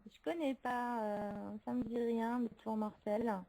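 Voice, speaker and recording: Chatty higher-voiced woman on a livestream. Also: fairly even intonation, unhurried, gravelly, warm tone, a little hiss or hum, low-quality recording. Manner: chatty, laughs often, many hesitant fillers; reads out and answers viewer comments. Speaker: streamer hosting a movie chat. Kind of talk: casual livestream chat.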